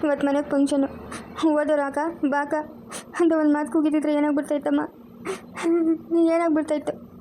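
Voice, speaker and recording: A woman playing a grieving older mother in an amateur family drama. She talks in a slow, tearful, pleading way. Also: high-pitched, flat delivery, dark tone, slight background noise, natural voice. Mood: anguished. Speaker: mother Akhilamma.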